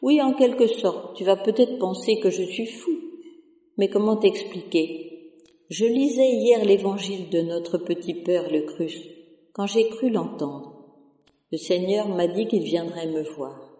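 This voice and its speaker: A reader putting on a kindly, devout old cobbler from a storybook, gentle in every word. The voice is warm and dark, and the pace is slow. The room adds a roomy echo with a long reverb. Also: medium pitch, distant mic, lightly acted. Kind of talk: storybook reading.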